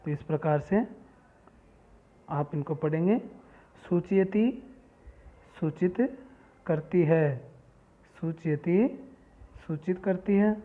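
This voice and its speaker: A man teaching a school Sanskrit lesson in Hindi, reading each word and its meaning and repeating it back as a question. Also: on the high side. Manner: reads terms slowly one by one. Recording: tinny phone-like sound.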